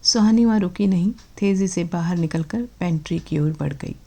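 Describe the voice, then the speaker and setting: Low, mellow woman narrating a story. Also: normal speed.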